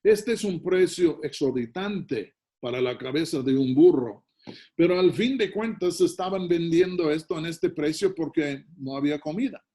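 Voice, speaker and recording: Man, pastor, Mexican Spanish accent, sermon, storytelling Bible reading, fairly high voice, mellow tone. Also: expressive, normal speed.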